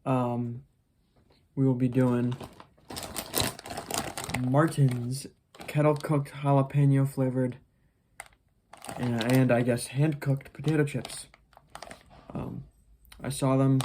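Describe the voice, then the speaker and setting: A food review host chatting casually in a low-key, hesitant, unhurried way. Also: little pitch movement, warm tone, a little hiss or hum. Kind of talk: casual snack review chat.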